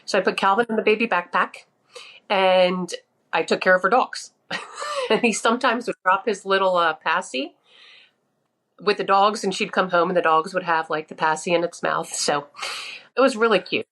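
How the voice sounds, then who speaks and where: A woman's voice: medium pitch, normal speed, fairly bright tone. A woman in her fifties, a podcast guest, telling her story in a candid, easygoing way. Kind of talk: casual interview chat.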